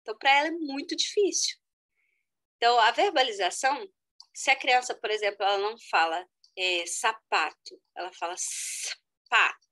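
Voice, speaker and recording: Bright-voiced woman giving an online lecture. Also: brisk, rough recording. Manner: explanatory, addresses the audience as "gente", lively with sudden high exclamations. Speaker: educational psychologist giving a talk.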